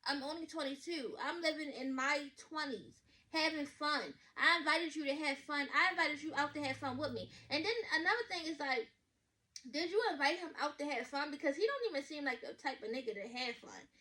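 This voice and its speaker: Bright, high-voiced sassy young woman. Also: brisk. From Baltimore, USA. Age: 20s. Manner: blunt, sassy, loud and animated with slang and swearing. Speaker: vlogger reacting to a reader's story. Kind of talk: casual reaction commentary.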